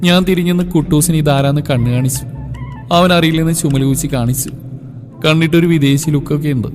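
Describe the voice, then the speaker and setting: A man's voice: on the high side, steady tone, a little fast. A man narrating a story in a chatty, playful way. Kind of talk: storybook narration, voicing all roles. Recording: long hall reverb, music behind.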